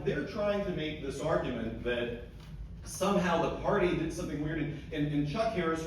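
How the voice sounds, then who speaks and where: A man speaking as an attorney giving a closing argument at a hearing, emphatic and argumentative, sometimes stumbling and repeating words. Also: fairly high pitch. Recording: echoey room, distant mic, faint noise.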